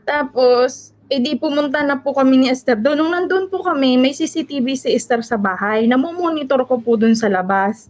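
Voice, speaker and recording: A woman from the Philippines speaks in a high voice as an interview guest. She is a caregiver, and she tells of surviving an attack in an earnest, shaken and polite way, going through each event step by step. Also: normal speed, a little mellow. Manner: polite, adds respectful particles and retells events step by step; earnest and shaken while recounting. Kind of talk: emotional first-person testimony in an interview.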